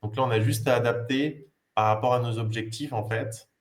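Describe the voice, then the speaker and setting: A man's voice: medium pitch, steady tone, moderate pace. A man, a language teacher, casually presenting learning games on a video call, explaining step by step with many fillers and hesitations.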